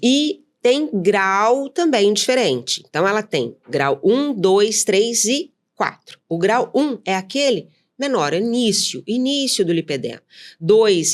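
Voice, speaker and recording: A woman, a nutritionist, explaining things patiently in an interview and checking in with her listener as she goes. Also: mid-range voice. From São Paulo, Brazil. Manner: didactic, lists points and checks in with "tá?". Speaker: nutritionist guest.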